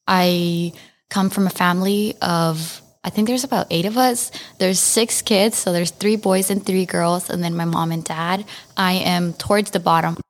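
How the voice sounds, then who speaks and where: A woman in her early twenties, from Kenya, speaks as a podcast guest. Her voice sits a little low and she talks thoughtfully and openly in casual conversation. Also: fairly even intonation, measured pace. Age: 20s.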